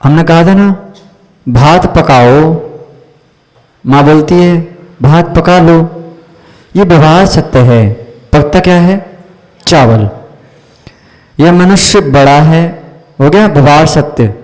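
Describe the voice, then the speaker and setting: Man, Jain monk, religious teaching discourse, quizzes listeners, slightly high voice, long hall echo. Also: animated, measured pace, pauses often, a little mellow. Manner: quizzes listeners with questions and repeated "isn't it?" checks.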